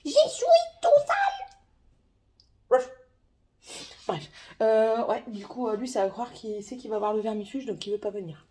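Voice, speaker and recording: A mother chatting casually in a home vlog, rambling and hesitant, with lots of pauses as she talks. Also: fairly high pitch, a little mellow.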